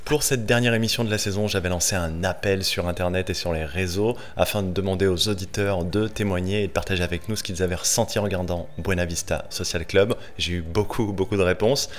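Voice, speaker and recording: A man hosting a radio music show, presenting in a relaxed, slangy way with playful asides. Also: low voice, fairly quick, hardly any pauses.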